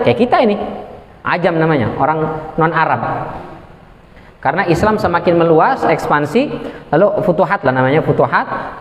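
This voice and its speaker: High-voiced man preaching in echoey hall. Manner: animated, asks and answers his own questions. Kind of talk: lively religious lecture. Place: mosque hall.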